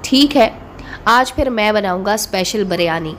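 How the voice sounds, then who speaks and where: A woman's voice: mid-range voice, lively intonation, normal speed, a little hiss or hum, natural voice. A woman voicing a playful, affectionate young husband in a read-aloud story. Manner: fond, playful.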